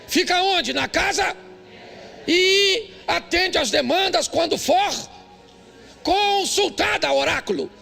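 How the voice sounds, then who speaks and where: An older male pastor with a Brazilian Portuguese accent, preaching a humorous sermon with jokey, emphatic storytelling and sudden high outbursts. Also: animated, slow, gravelly, bright, forceful tone. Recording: faint music behind.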